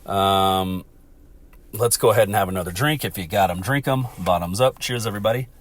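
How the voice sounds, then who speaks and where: A man's voice: fairly low pitch, brisk. An American man from Texas with a congested, blocked-nose voice, hosting a casual, rambling, sweary sports chat. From Texas, United States. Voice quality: stuffy, congested nasal voice. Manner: rambling, profane. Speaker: podcast host.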